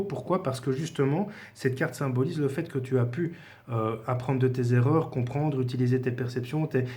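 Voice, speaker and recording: A man's voice: mid-range voice, dark tone. A man giving a casual spoken tarot lesson, talking informally to the viewer with frequent hesitations. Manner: conversational, addresses viewer informally, many fillers. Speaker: tarot teacher.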